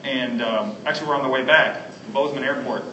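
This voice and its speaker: Bright-voiced preacher man in an echoey hall. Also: mid-range voice, brisk, highs cut off, a little hiss or hum. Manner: earnest, conversational preaching with fillers. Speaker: pastor. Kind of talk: sermon. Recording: echoey room, mic at a distance.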